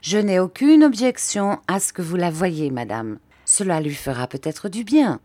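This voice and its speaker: A woman voicing a mild, timid country doctor who speaks gently and deferentially. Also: lowish voice, sing-song, moderate pace, no room sound. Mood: soothing.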